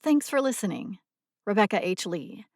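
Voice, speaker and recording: A woman narrating a scripted audio blog in a measured, explanatory reading voice on a close mic. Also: mid-range voice, big pitch swings, a little mellow, dry recording.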